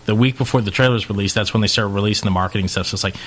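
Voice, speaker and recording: Man, podcast co-host, casual chat, excitable, acts out quotes. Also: lowish voice, very fast.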